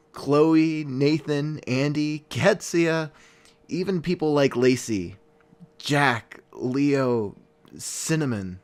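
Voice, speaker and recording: A man plays an earnest, weary podcast investigator, narrating a true-crime case reflectively and deliberately with dramatic pauses. His voice sits at a medium pitch and sounds close to how he'd normally talk.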